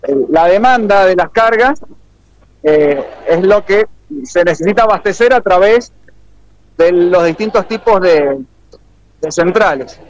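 A high-voiced man presenting an electrical display with a lot of hesitation. He pauses often while he searches for the right words. He is explaining it to visitors at an education fair. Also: animated, dry recording, rough recording.

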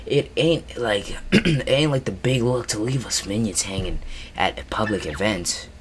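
A man doing a gruff, slangy turtle minion. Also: measured pace, a little hiss or hum, lightly acted. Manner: slangy, low, muttering. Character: gruff male turtle minion, street-talking.

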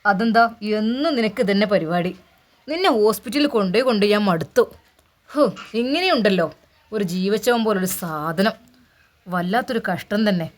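A woman's voice: mid-range voice, expressive, moderate pace, close to an everyday voice. A woman with a Malappuram accent voicing an irritable husband who complains with scornful sighs about his sick wife, in a spoken story. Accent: Malappuram Malayalam.

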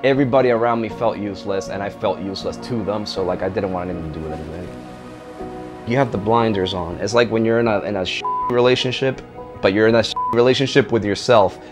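A man in his thirties, an army medic veteran, giving a candid, profane interview in a dark studio with a joking, blunt manner. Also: fairly low pitch, fast talker. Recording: music underneath.

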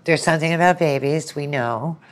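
With a voice that sits low and a slightly fast delivery, a middle-aged woman guest who works as a lecturer explains her views conversationally through anecdotes and quoted asides. She is opinionated and analytical and quotes imagined speakers.

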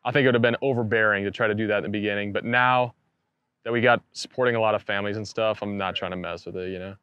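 A man in his thirties, a poultry farmer, explaining his operation in a relaxed, matter-of-fact way during an outdoor farm tour. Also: lowish voice, racing, smooth, no room sound, muffled recording. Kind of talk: casual farm tour talk. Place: outdoors on a farm pasture beside a coop.

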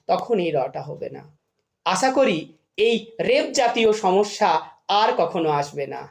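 A woman's voice: fairly high pitch, darkish tone. A woman teaching a children's spelling lesson, asking questions and answering them herself and repeating a catchy rule.

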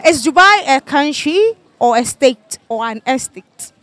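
High-voiced Ghanaian woman hosting street quiz. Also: expressive, unhurried. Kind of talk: street interview. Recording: loud music over the voice. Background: loud music.

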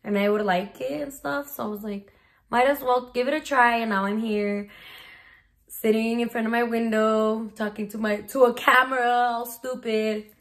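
This twenty-year-old vlogger has a fairly high-pitched, steady voice and talks at a normal speed. Holding her phone at arm's length in a small bedroom, she chats through a Q&A, slangy and sprinkling in Spanish.

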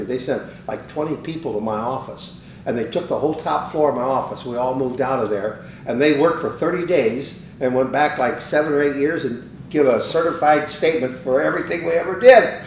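An older man tells a long story in a loose, rambling way and acts out every quoted exchange. The voice sits a little away from the microphone in a roomy space, with a faint rumble underneath. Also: fairly quick, recorded from a distance. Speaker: interviewee, business owner. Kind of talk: casual storytelling.

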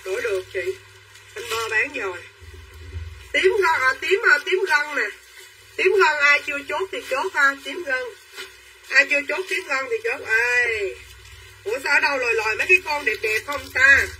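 A young woman selling clothes on a livestream, talking quickly and pushing viewers to claim items. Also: high voice, animated, pushed and bright, far from the mic, a little hiss or hum, rough recording. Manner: quick and pushy, urging buyers to claim items. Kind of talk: live-selling chatter to viewers.

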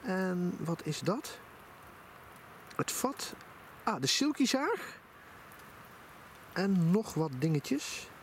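Speaking very slowly with long pauses, this man has a high, highly animated voice. He's a vlogger giving casual, enthusiastic commentary beside a campfire in a forest at night, captured on a handheld camera with noisy outdoor audio.

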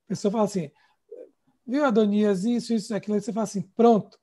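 A man's voice: high-pitched, fairly even intonation, fast, warm tone. A man with a Bahian accent hosting a seminar panel, playful and telling anecdotes with frequent laughs. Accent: Bahian Brazilian Portuguese. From Bahia, Brazil. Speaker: seminar host and moderator. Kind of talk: casual panel talk.

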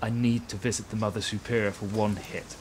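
Man acting a low-voiced, craving addict. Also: little pitch movement, fairly quick, slight background noise, lightly acted. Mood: brooding, desperate. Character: craving male addict with wry, gentlemanly politeness. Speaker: actor in a short film parody. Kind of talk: dramatic monologue and dialogue.

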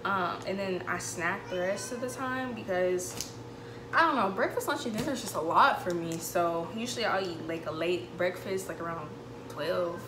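Showing off groceries in her small kitchen, a young college student talks casually to camera at a moderate pace in a fairly low voice. The camera is a couple of metres off, and the room echoes with background noise.

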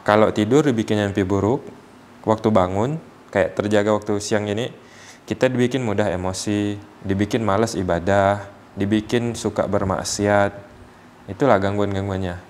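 A man working as a ruqyah healer, calmly explaining to a patient and acting out short quotes as examples. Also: fairly low pitch, normal speed, a little hiss or hum.

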